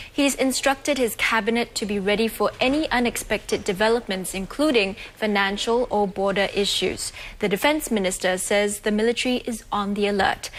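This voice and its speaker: A woman news anchor reading scripted television news. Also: on the high side.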